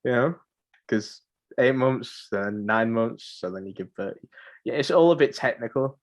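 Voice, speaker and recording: Expressive and a little slow, the mid-range voice of a young podcast co-host carries relaxed, joking banter. He rambles and keeps repeating his favorite slangy phrases.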